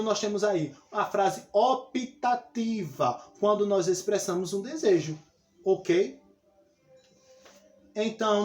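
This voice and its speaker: A man's voice: high voice, a little mellow. A man with a Brazilian Portuguese accent teaching a lesson, explaining step by step and talking straight to his students. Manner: explanatory, addresses students directly with frequent "olha só". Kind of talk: classroom lesson. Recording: echoey room.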